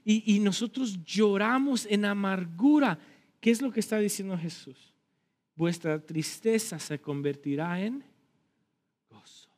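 A man with a high voice preaches slowly and deliberately. He delivers an emphatic sermon, swelling in loudness and doubling back on words. His tone is that of a pastor leading his congregation.

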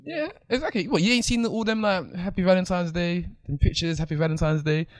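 Male podcast host, slightly high voice, slangy and insistent in casual discussion. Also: fairly even intonation, a little fast.

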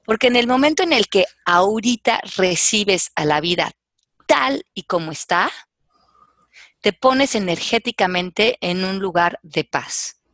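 A woman speaks as a life coach, slow and calm, laying out her advice in an instructive way. Her voice sits at a middle pitch and is recorded dry and close, with no room echo. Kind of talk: coaching talk on a panel show.

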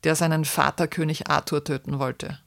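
A woman's voice: sits low, level tone, moderate pace, gravelly. A woman voicing a bitter man whose ears have frozen off, speaking scornfully in a spoken story.

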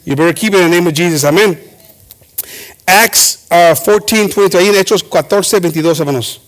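A man preaching a bilingual sermon with many restarts, rising to emphatic exhortation. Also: moderate pace. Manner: preaching with frequent restarts and "hermanos"; rises to emphatic high-pitched exhortation.

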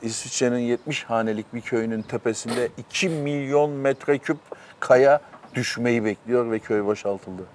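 A man's voice: medium pitch, moderate pace, darkish tone, a little hiss or hum. A middle-aged man hosting a casual chat, telling stories animatedly and laughing often. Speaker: host.

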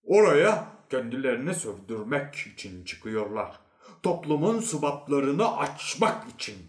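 A man voicing a tall, thin psychologist who explains in a measured, lecturing way in a storybook reading. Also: mid-range voice, sing-song. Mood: measured lecture. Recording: echoey room.

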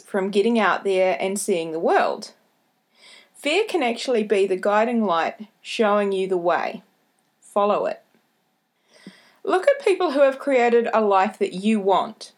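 Female podcast host, broad Kiwi accent, slow and deliberate, medium pitch, motivational advice straight to listeners. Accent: broad New Zealand (Kiwi). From New Zealand. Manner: deliberately slowed, careful delivery with repeated key points.

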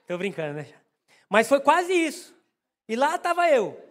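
A man's voice: very high-pitched, sing-song, a little slow. A man with a Brazilian Portuguese accent preaching a sermon to his congregation. He tells a personal story with humor and speaks straight to the listeners. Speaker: pastor.

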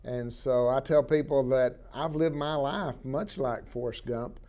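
With a dark tone, medium pitch and measured pace, a man in his sixties recounts his life as an interview guest. He's a wildlife biologist from southwestern Oklahoma whose relaxed storytelling rambles and is full of fillers.

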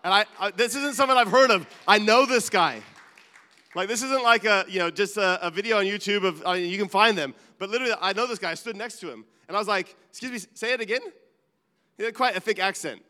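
A man's voice: high-pitched, fast talker, sharp tone, in a large hall. A man preaching a sermon as a pastor, earnest and building to emphatic peaks, with restarts and asides.

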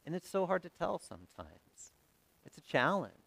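Male pastor, conversational sermon delivery, slightly high pitch, dry close recording. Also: very animated, moderate pace, vocal fry, slightly rough, no echo. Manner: conversational preaching with wide swings in loudness.

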